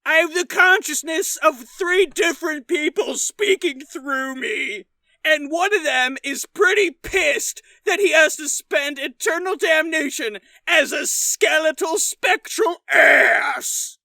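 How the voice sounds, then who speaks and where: A furious skeleton ghost on a camel, shouting and ranting in a high, strained, bright voice, as a man puts him on for a comedy bit. He sounds crude and fed up. The recording is dry and close. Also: takes it slowly, creaky, dry recording, full character voice. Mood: bitter ranting. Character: angry skeletal camel-riding ghost, male.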